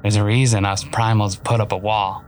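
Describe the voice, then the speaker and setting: A man's voice: on the low side, flat delivery, moderate pace, a little hiss or hum, lightly acted. A man voicing a sly, menacing male weasel-like creature with a slangy, threatening drawl in an audiobook. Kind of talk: audiobook narration.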